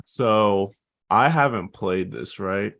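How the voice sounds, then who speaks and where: A man's voice: fairly low pitch, slow, fairly bright tone, no room sound, studio quality. A man co-hosting a gaming podcast, joking around and ribbing the others. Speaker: podcast co-host. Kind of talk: casual gaming chat.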